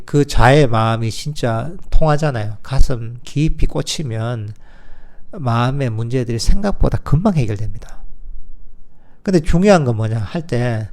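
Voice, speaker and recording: A man, a Buddhist monk giving a dharma talk. He talks plainly, asks rhetorical questions, and turns gentle and soothing at times. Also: mid-range voice. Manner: gentle, soothing when voicing self-compassion.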